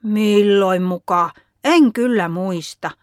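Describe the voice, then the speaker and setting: A woman's voice: high voice, sing-song, no room sound, studio quality, voice pushed up. A woman voicing a young boy who begs and sulks in a storybook reading. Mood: whiny. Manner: pleading, whiny child voice. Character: young boy, eager then sulky.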